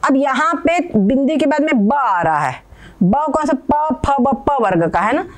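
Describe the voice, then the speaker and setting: A woman teaching Sanskrit pronunciation, patiently explaining and repeating words slowly while checking that learners follow. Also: high voice, lively intonation.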